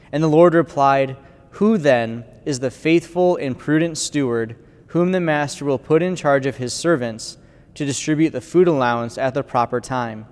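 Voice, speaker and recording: A clergyman reading the gospel and preaching a conversational homily in a church with a cathedral-like echo. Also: medium pitch. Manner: conversational preaching with fillers, bursts of loudness. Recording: long church reverb.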